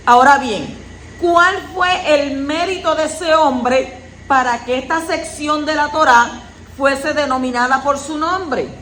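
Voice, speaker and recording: A woman reading and teaching a weekly Torah portion in a measured tone, adding brief explanatory asides. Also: sits high, fairly bright tone, reverberant, slight background noise, rough recording. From Puerto Rico.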